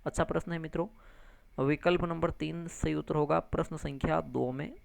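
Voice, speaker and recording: A man teaching an exam-prep grammar lesson in a fairly high, gravelly voice that still sounds smooth and clear. He walks through each answer step by step, asks himself questions and answers them, and keeps checking in with his listeners. The recording is dry and close. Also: steady tone, fairly quick, no room sound. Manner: addresses viewers as friends, frequent tag questions.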